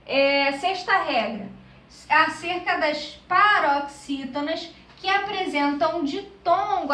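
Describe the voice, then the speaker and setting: A woman's voice: high-pitched, pushed and bright. A woman teacher from Brazil explaining a grammar lesson, checking in with her class through constant tag questions. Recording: echoey room, voice a bit far from mic.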